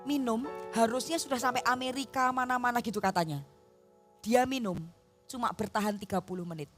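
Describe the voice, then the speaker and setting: Seorang pendeta wanita berlogat Jawa berkhotbah di gereja dengan suara yang agak tinggi. Ia bercerita dengan ekspresif dan sering menyapa jemaatnya secara langsung. Di belakangnya terdengar musik yang samar. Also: female voice, a little high, a little fast, soft background music. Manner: expressive, storytelling, addresses the congregation. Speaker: pastor. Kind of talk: sermon. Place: church.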